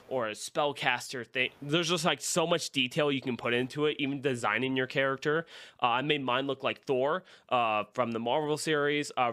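A man's voice: mid-range voice, pushed and bright, clear, resonant tone. A man co-hosting a casual podcast, rambling through his opinions with lots of fillers. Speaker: podcast co-host. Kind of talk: casual chat.

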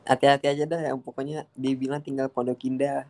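A young man with a medium-pitched voice and a Jakarta accent talks casually as a podcast guest. His speech is blunt city slang, peppered with swearing. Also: little pitch movement, fast talker, a little mellow. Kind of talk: casual chat.

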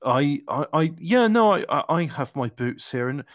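A man chatting casually in a halting, conversational way. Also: fairly high pitch, lively intonation, no room sound, studio quality. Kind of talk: casual chat.

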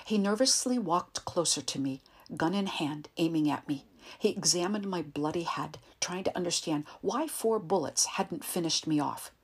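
A woman reading an audiobook in a calm, measured way, sometimes dropping to a soft whisper. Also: lowish voice, husky. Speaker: narrator. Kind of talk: audiobook narration.

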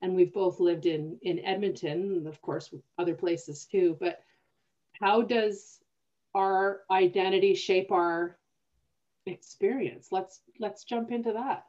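A Canadian woman co-hosts a casual conversation over video call, thinking aloud with small restarts. Her mid-range voice is steady, slow-paced and a little mellow, and the recording sounds muffled.

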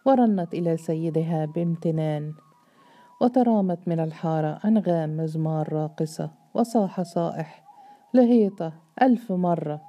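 A woman narrates a novel in a steady, measured voice. Her pitch sits low and her tone is very dark and mellow.

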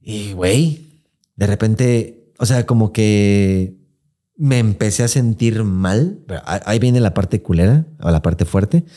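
Young Mexican podcast host, low-pitched and mellow, swears freely while telling a story. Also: male voice, lively intonation, slow. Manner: profane, slangy storytelling with many filler words. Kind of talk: casual podcast chat.

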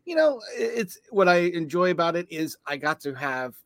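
A Canadian man co-hosting a casual podcast speaks in a high-pitched, slightly bright voice at a moderate pace, with no room sound. He's very animated, rambling and enthusiastic with lots of fillers, though still tired as he recovers from illness.

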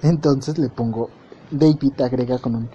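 A man's voice: mid-range voice, unhurried, dark tone, breathy edge, dull audio. A man hosting a podcast, wryly recounting chat messages in a jokey, casual way. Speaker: podcast host.

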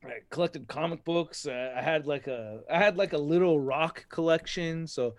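A man's voice: on the high side, normal speed, no room sound. A man chatting casually as a guest, rambling with lots of fillers and restarts, often laughing at himself. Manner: laughs often, self-deprecating. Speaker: interview guest. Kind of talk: casual podcast chat.

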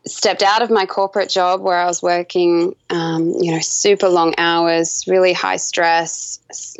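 A woman's voice: lowish voice, gravelly, no echo, lo-fi sound. A woman with an Australian accent, chatting casually as an interview guest. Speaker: podcast guest, yoga and embodiment business owner.

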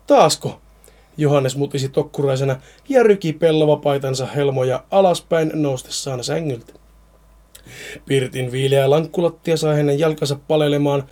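A man's voice: a little high, mellow. A man reading a Finnish horror story aloud, now and then stumbling and repeating words.

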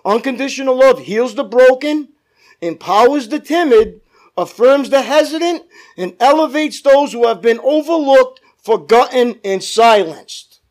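A man preaching a church sermon in a very high-pitched voice speaks expressively and without hurry. He stresses and stretches out key phrases, addresses listeners directly, seeks their agreement, and calls for amens.

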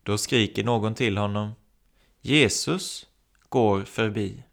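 Male preacher, low and gravelly, animated storyteller who acts out the voices. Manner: storytelling, acting out quoted voices. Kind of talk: sermon.

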